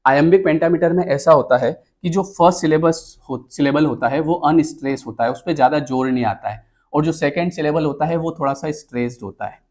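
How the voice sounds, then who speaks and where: Male tutor, exam-prep lecture voice-over, talks through slides step by step, counts items aloud, pitch a bit high. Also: brisk, hardly any pauses, darkish tone. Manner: explains step by step with frequent "है ना?" check-ins; counts items aloud while pointing at the screen. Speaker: teacher.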